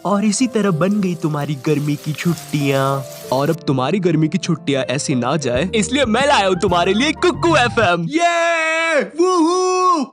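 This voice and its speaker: A man's voice: fairly high pitch, very animated, faint music behind. A young man, narrating a comedy sketch and joking straight to the viewers. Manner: fast jokey narration, talks straight to viewers.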